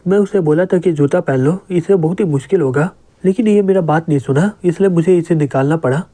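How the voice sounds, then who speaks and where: A man voicing a calm, firm young male driver in a comic story retelling, speaking bluntly. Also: on the high side, fairly quick, close to an everyday voice.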